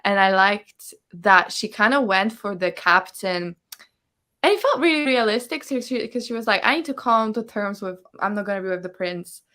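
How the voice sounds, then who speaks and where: A woman leads a livestreamed book discussion on an online call, her medium-pitched voice sharp in tone with lively intonation at a normal speed. The chat is casual, with viewer comments read out and imagined reactions often acted out.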